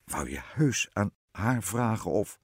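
A man's voice: lowish voice, big pitch swings, takes it slowly, a little mellow, breathy edge, no room sound, studio quality, heavily acted. A man doing a fussy disapproving king. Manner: stiff, fussy. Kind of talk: audiobook storytelling.

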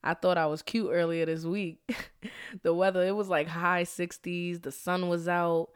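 Talking solo on her podcast, this young school counselor slips into slang and laughs often, sounding a little stuffy from a cold. She speaks in a lowish voice with little pitch movement at a measured pace, recorded cleanly in a studio with no echo.

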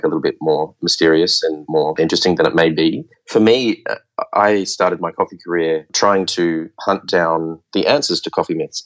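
A man guesting on a podcast, explaining coffee ideas in a relaxed, lecture-like way with plenty of filler words. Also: deep voice, muffled recording. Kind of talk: casual interview talk.

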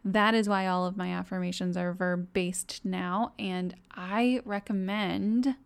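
A woman's voice: lowish voice, steady tone, unhurried, vocal fry, clear, resonant tone. Young woman host giving motivational advice, earnest and direct, encouraging tone. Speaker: self-improvement podcast host. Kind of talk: motivational talk to listeners.

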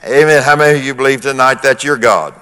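A man's voice: medium pitch, fast, pushed and bright, smooth. Preaching man in a reverberant church hall. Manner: emphatic preaching with call-and-response. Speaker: pastor. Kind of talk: sermon to a congregation.

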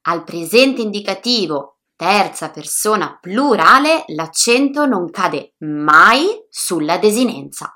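A woman teaching pronunciation in a lively, upbeat scripted lesson, speaking directly to learners. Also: medium pitch, takes it slowly, hardly any pauses. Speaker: Italian teacher.

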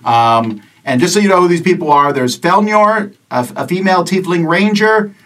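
A man's voice: sits high, animated, moderate pace, fairly bright tone. A man narrating a tabletop game as game master, in a casual, rambling way with restarts. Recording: distant mic in a room.

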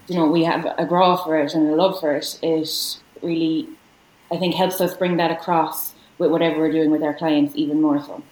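A woman's voice: low voice, darkish tone. A woman with a west of Ireland accent, talking casually as an interview guest on a podcast. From Galway, Ireland. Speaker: podcast guest, digital marketing professional. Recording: roomy echo.

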